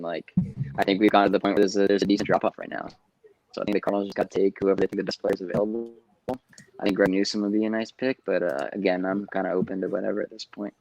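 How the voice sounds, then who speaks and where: A man's voice: deep voice, gravelly, no echo, rough recording. A man weighing draft options in casual sports chat, hesitant and full of fillers.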